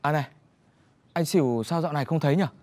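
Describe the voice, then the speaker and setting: A man's voice: on the high side, fast talker, a little mellow, no room sound, natural voice. A man playing a theatrical nosy neighbor. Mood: chatty. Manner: overblown lamenting and know-it-all explaining.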